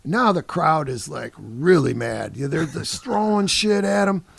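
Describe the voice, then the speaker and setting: A Detroit-area man in his sixties tells a story as a guest musician in a loose, animated way, laughing along as he goes. His voice sits on the high side with a gravelly edge. The sound is dry and close, with no room echo. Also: unhurried. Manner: animated, laughs often, peppers speech with "man" and "you know". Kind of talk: casual storytelling anecdote.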